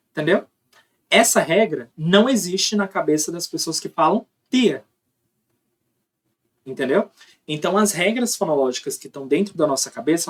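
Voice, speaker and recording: A man with a Brazilian Portuguese accent delivers a recorded linguistics lesson. He explains patiently, pauses to pronounce sample words aloud, and keeps checking that the listener is following. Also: on the high side, slightly rough. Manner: explanatory, demonstrates sounds aloud, frequent tag questions. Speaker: linguistics teacher.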